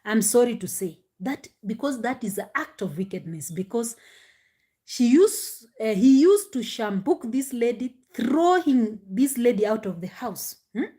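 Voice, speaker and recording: A woman, talking casually to her viewers, animated, with many fillers and rhetorical questions. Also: a little high, measured pace. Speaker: commentary host. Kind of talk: casual live commentary to viewers.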